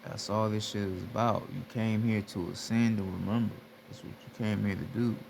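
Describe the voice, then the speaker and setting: Flat and creaky, a lowish male voice at a moderate pace delivers an offhand motivational monologue as a spiritual teacher, repeating himself, speaking bluntly and cursing heavily as he tells listeners to wake up. Background noise runs under it.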